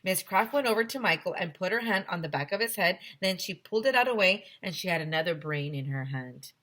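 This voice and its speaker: Here a teacher reads a children's book to her pupils in a lowish voice, shaping the story deliberately and expressively.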